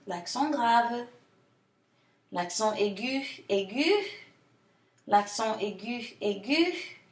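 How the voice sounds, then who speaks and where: A woman French teacher explaining verbs in English and French, slowly modeling pronunciation with playful asides. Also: fairly high pitch, echoey room. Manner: slow, drawn-out model pronunciation. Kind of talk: bilingual French lesson.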